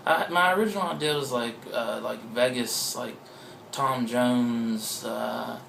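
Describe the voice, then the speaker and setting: A man with a gravelly, fry-edged voice talks through an interview as the author, wandering from thought to thought and swearing casually. He pokes fun at himself as he goes. His voice rings in a roomy, echoey space with a faint hum of noise behind it. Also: medium pitch, measured pace, a bit bright. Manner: meandering, profane, self-mocking. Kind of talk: casual rambling interview talk.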